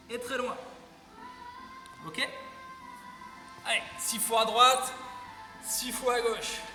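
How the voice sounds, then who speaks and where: Man coaching a workout in an echoey hall. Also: extremely high pitch. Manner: instructive, counts reps while exercising. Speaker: fitness coach. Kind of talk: workout demonstration. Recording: echoey hall, distant mic, music.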